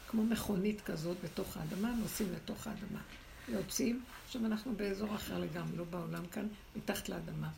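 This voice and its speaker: A middle-aged woman with a lowish, darkish voice and some vocal fry teaches a religious class for women, exhorting and challenging her audience as they ask questions. The room recording is noisy.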